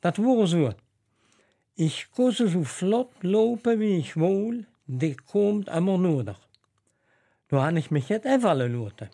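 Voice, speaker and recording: A man voicing a bold, quick-witted young nun in a spoken story, in a sly, matter-of-fact way. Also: high-pitched, expressive, dark tone, exaggerated voice. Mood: wry.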